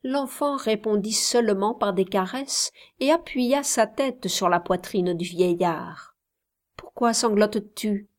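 Brief: woman narrator, very slow, even audiobook reading of a classic novel. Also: mid-range voice. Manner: measured, unhurried reading.

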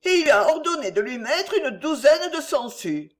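Cheeky old beggar lady talking back, higher pitched and lively, a woman puts her on. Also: normal speed. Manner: impudent, pleading.

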